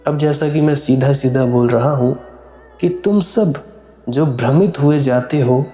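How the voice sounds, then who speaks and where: A man giving a spiritual discourse, earnest and direct, repeating phrases in a steady rhythm as he speaks to his listeners. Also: medium pitch, measured pace, roomy sound, soft background music. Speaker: spiritual teacher. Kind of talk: satsang discourse.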